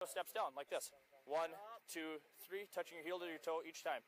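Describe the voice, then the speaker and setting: A man's voice: fairly high pitch, steady tone, normal speed. A male police officer giving field sobriety test instructions, firm and commanding, repeating his directions.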